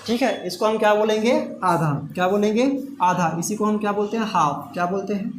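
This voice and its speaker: A man's voice: high voice, fairly quick, faint music behind. A middle-aged man teaching a math class, asking students questions and then giving the answers himself. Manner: call-and-response questioning. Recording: echoey classroom with faint hiss.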